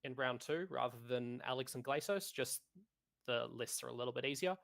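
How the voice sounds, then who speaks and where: An Australian man joins a gaming podcast as a guest, speaking over a call with a gravelly, creaky edge. His voice is bright and sharp, and he weighs his points in a measured, hedging way. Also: mid-range voice. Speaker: podcast guest, tournament player. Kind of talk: casual gaming podcast chat.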